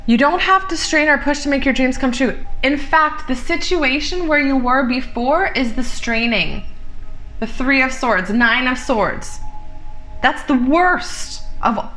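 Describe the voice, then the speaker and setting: A woman's voice: on the high side, a bit bright. A woman giving a casual tarot reading to viewers, chatty and blunt, with some swearing. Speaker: tarot reader.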